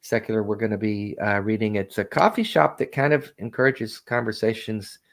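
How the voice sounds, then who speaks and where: A man hosting a call-in talk show, chatting casually with a guest, animated and often laughing. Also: fairly low pitch, moderate pace, creaky. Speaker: host. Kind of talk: casual chat.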